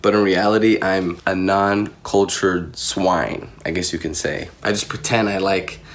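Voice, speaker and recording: Joking young man vlogging, lowish voice. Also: fairly even intonation, unhurried. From Iraq. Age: 20s. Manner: joking, rambling, self-mocking. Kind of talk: casual personal vlog.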